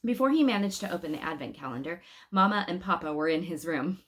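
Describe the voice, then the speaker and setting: Reading a children's story aloud with plenty of expression, a woman stops now and then to address her listeners directly with questions and asides. Her voice sits on the low side, expressive and a little bright.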